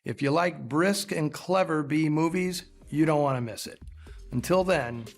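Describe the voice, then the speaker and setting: A man hosting a film program, delivering scripted commentary in a measured, articulate storytelling way. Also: on the high side, gravelly, faint music behind. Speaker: film show host.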